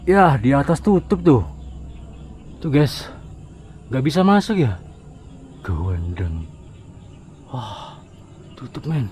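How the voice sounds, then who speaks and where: A man with an Indonesian accent doing a casual, halting exploration vlog outdoors at night, talking to his viewers in murmured asides and exclamations. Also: medium pitch, sing-song, darkish tone. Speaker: vlogger exploring an abandoned site at night. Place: outdoors in overgrown wooded area at night. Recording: outdoor night noise, insects.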